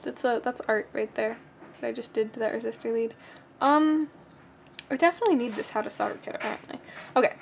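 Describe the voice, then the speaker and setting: A woman's voice: fairly high pitch, a little fast, creaky, slight background noise. A woman hosting a casual soldering tutorial, chatty and self-mocking, reading kit instructions aloud between jokey asides. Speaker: host.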